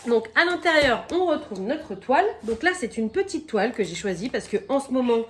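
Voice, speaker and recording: A woman's voice: a little high, big pitch swings, slight background noise. Chatty woman with a slight cold. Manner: chatty, fills pauses with "donc" and "euh"; coughs and apologizes now and then. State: has a cold, slightly croaky voice. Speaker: crafting vlogger. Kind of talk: casual unboxing chat.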